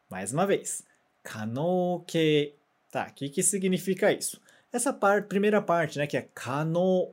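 A man teaching a grammar lesson, patient and methodical, saying example words slowly for repetition and ending sentences with quick check-in tags. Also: on the high side, a little mellow. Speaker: Japanese language teacher.

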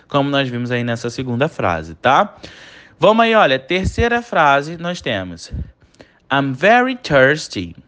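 A man's voice: mid-range voice, a bit bright. A young man with a Brazilian Portuguese accent teaching an online English lesson in a chatty way, often checking in with his students.

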